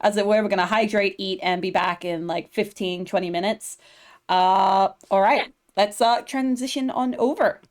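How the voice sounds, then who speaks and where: A woman's voice: mid-range voice, steady tone, normal speed. A woman running a tabletop stream, casual and giggly, exclaiming often. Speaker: game master and streamer.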